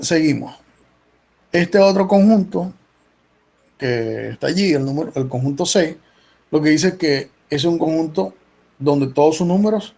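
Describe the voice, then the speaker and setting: A man's voice: on the high side, creaky, mellow. A male professor explaining set theory patiently in an online class, often checking in with his students. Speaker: math professor. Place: video call meeting.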